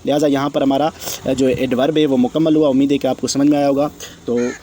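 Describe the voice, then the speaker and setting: A man teaching English grammar, slow and repetitive, asking himself questions and answering them. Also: mid-range voice, flat delivery, mellow, slight background noise. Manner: slow, repetitive explaining with fillers and rhetorical questions. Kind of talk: explanatory lesson.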